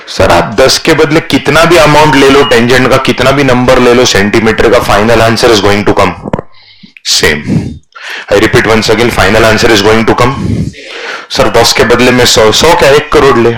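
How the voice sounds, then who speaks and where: Man teaching a class, low-pitched voice, energetic, coaxing, classroom lecture. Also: poor audio. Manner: energetic, coaxing students to answer aloud, mixing Hindi and English. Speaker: commerce teacher.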